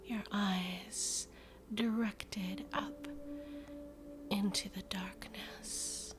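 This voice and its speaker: Woman, whispered role-play, ASMR hypnosis, right in your ear, extremely slow, seductive and soothing, prominent singing bowl music behind. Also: mid-range voice. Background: music with singing bowl tones.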